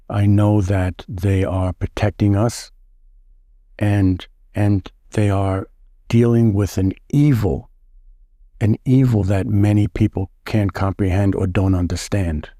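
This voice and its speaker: Middle-aged guy from the us, lowish dark voice, stops and restarts a lot, dry close sound. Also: no echo. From United States. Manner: halting, with many restarts and repeated words. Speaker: interview guest. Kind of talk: casual interview answers.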